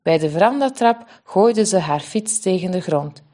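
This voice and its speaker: A woman reading a story aloud for children, with a lively and expressive delivery. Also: fairly low pitch, normal speed.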